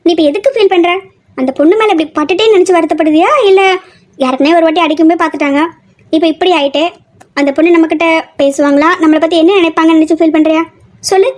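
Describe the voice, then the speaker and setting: A woman's voice: very high-pitched, quick pace, a little mellow. A woman voicing a bossy but caring young woman in a fan audio drama, scolding and fussing.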